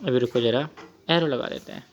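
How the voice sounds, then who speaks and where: A man's voice: medium pitch, brisk, lo-fi sound, a little hiss or hum. A young man teaching a chemistry lesson while he writes, asking the class questions and repeating key terms.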